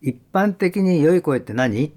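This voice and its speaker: A man calmly explaining breathing and what makes a good voice, step by step. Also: fairly high pitch, normal speed. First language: Japanese. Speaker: voice expert guest.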